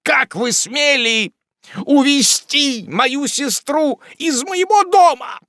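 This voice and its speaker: A man voicing an irascible old country squire who blusters and shouts in outrage. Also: on the high side, sing-song, a little slow, husky, no echo, clean studio sound, exaggerated voice. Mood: furious.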